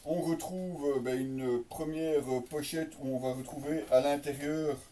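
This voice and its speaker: Unboxing motorcycle gear, a man whose first language is French talks off the cuff in a mellow, slightly high voice with fairly even intonation. He halts often, speaking in fragments with long "euhs," and the slightly distant mic picks up a little background noise.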